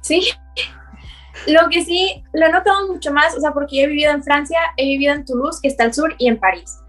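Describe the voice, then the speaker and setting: Lively Mexican woman with a high voice. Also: fairly quick, faint music behind. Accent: Mexican Spanish. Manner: animated storytelling, acting out quoted dialogue, laughing often. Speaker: guest, scientist. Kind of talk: casual podcast conversation.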